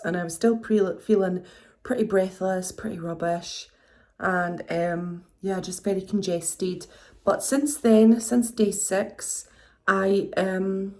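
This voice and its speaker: A woman in her thirties with a blocked nose talks in a medium-pitched, slightly mellow voice. She's a vlogger recording a chatty, rambling video diary, reassuring herself as she goes.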